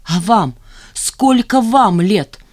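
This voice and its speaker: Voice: medium pitch, lively intonation, takes it slowly, voice pushed up. A reader voicing a prim, touchy bookish man. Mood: indignant. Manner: indignant, stiff.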